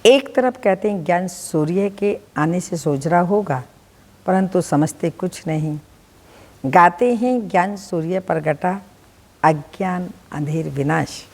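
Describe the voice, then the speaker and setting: A woman with a Hindi accent giving a measured, deliberate devotional reading of a spiritual discourse. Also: lowish voice, a little mellow, big-room sound, poor audio. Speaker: spiritual teacher reading the daily lesson.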